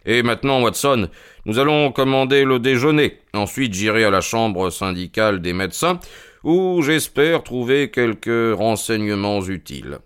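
A man playing a calm, ironic detective who reasons and mocks with composure, in an audio drama reading. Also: normal speed, clear, resonant tone, lightly acted. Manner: composed and mocking, lively rises in pitch. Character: calm, ironic male detective, sure of himself.

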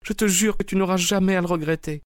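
A man voicing a desperate young wife who begs her husband in a high, imploring voice. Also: fairly even intonation, quick pace, no room sound, studio quality, lightly acted. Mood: pleading.

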